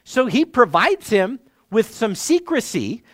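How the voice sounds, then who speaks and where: A man's voice: sits high, sing-song, unhurried, no room sound, studio quality. A man preaching a sermon in an earnest, conversational way, like a pastor explaining scripture to his congregation.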